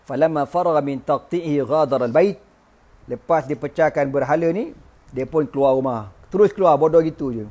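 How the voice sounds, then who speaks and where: A male preacher who tells a religious story in a joking, lively way, moving between recited Arabic and casual slang. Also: on the high side, a little fast. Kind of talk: humorous storytelling sermon.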